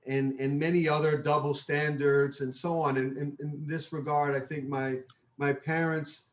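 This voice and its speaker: A man from the Bronx speaking as a guest in an interview, measured and thoughtful, with many pauses. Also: a little high, little pitch movement. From New York (the Bronx). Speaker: guest, father. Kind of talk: reflective interview talk. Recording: roomy, dull lo-fi sound.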